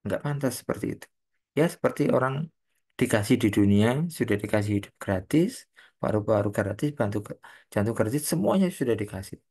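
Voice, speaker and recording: A man's voice: on the low side, animated, a little fast, darkish tone. Man teaching Quran commentary, questioning. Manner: explains patiently with rhetorical questions and Arabic recitation. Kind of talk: online religious lecture. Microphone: online lecture mic.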